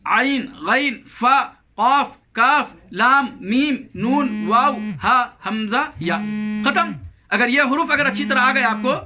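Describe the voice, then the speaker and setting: A man delivers a Ramadan sermon in a very high, piercingly bright voice. He scolds and exhorts his listeners, repeating lines for emphasis. When he quotes scripture, he slows into a drawn-out, melodic recitation. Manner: recites Quranic verses slowly and melodically. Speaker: preacher.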